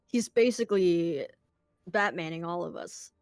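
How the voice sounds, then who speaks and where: A woman's voice: lowish voice, a little slow, no echo, faint music behind. A woman casting a live esports match, with playful, giggly banter between calls. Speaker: esports caster.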